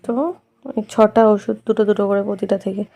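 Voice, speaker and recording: A woman's voice: medium pitch, little pitch movement, fast talker, creaky, warm tone, dull audio. A woman vlogging at home at night, chatting casually and coaxing her small son with repeated words. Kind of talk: casual vlog chat.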